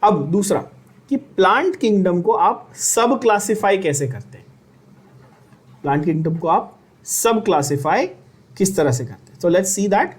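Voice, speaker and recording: A man's voice: high voice, lively intonation, a little slow, slightly rough. A man teaching biology for an exam, asking questions and having students repeat terms. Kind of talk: exam-prep lecture.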